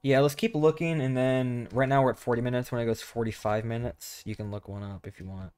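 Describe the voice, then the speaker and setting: A man's voice: medium pitch, steady tone, brisk, a little mellow, smooth, dry recording. A man hosting a casual gameplay chat with a friend, rambling and often stammering or repeating words as he talks. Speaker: gaming channel host.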